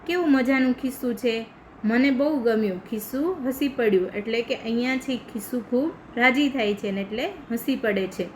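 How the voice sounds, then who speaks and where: A woman from India, a primary school teacher, reading a story aloud to pupils and pausing to explain it patiently. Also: on the high side, a little hiss or hum, poor audio.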